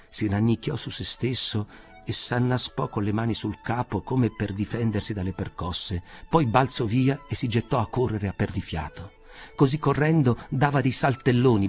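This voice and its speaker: Reading a literary audiobook, a man narrates in a measured, expressive way, his voice at medium pitch.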